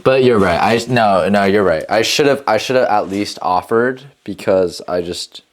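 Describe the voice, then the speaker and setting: A man's voice: fairly low pitch, unhurried. A giggly, tipsy man bantering casually, playfully teasing and mock-indignant. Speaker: cooking vlog co-host. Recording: music behind the voice. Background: background music.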